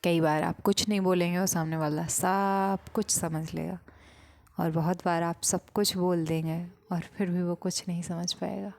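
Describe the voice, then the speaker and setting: A woman giving a reflective spiritual talk, speaking in short, unhurried phrases with pauses and sometimes telling a story with gentle amusement. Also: lowish voice, steady tone, gravelly.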